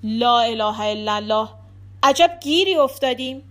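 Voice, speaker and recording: A woman's voice: fairly high pitch, animated, fairly bright tone. A woman voicing an odd, cocky middle-aged man who speaks bluntly. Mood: offhand.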